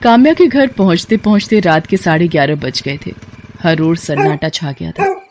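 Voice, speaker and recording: A woman narrates a scripted bedtime story with a fairly low voice at a moderate pace, over a little hiss or hum. Her storytelling is steady, but she turns firm and scolding when she voices the teacher.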